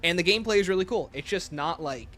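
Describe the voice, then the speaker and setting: Man, livestream host, casual commentary, bright, slightly raised pitch, faint music. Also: expressive, fast. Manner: opinionated, reads and answers chat aloud.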